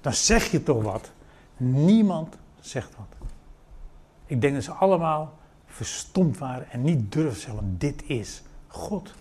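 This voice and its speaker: A man preaching a sermon, retelling a scripture story and acting out the dialogue with lively emphasis. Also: medium pitch, moderate pace, slight background noise.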